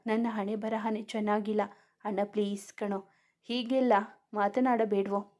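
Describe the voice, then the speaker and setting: Woman reading a romance story, mellow higher voice.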